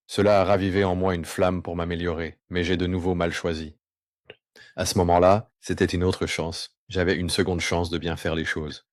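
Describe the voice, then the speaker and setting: A man with his voice pitched down very deep. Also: no room sound, studio quality. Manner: earnest, remorseful, with pauses and slow stretches. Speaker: person giving a personal testimony. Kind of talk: confessional first-person testimony.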